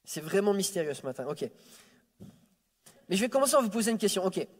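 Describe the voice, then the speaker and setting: Speaking in a high-pitched, very animated, brisk voice, a French man gives a Sunday sermon as a guest. He pokes warm fun at himself and frequently stammers, repeating words on restarts, with the church hall's reverb around him.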